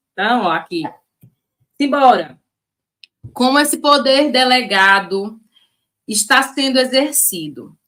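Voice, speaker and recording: A woman teaching an online exam-prep lesson in a lively, chatty way, often stretching out key words. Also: on the high side. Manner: lively, chatty, frequent "ó" and "né", drawn-out stressed words. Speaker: Portuguese teacher.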